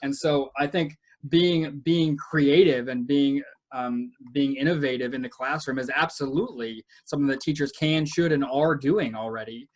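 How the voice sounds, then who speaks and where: A man speaking as an education researcher on a panel, earnest and measured, with frequent fillers. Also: medium pitch. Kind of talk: casual panel discussion.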